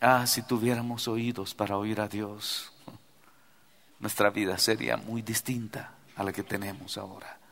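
A man preaching a sermon as pastor, swinging between loud cries and hushed prayer. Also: lowish voice, level tone, moderate pace, creaky. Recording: long hall reverb.

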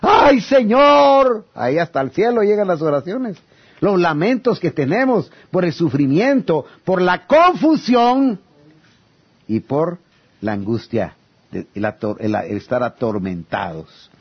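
A male preacher delivering a sermon in a husky, high voice. His pitch leaps widely as he swings from loud pleading to low, hushed asides. The recording is dull and lo-fi. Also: animated, measured pace. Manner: addresses listeners as brothers, reads scripture aloud.

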